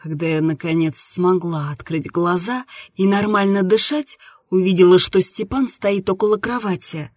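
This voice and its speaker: A woman reading an adult audiobook in the first person, with intimate, scripted narration and a husky tone. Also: fairly low pitch, moderate pace, few pauses, dry recording, clean studio sound.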